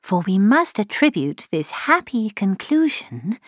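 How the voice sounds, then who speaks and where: A woman voicing a calm, sensible grown daughter in an audiobook, speaking in a measured, tactful way. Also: medium pitch, husky, dry recording, clean studio sound. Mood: gently persuasive. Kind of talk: audiobook character voice.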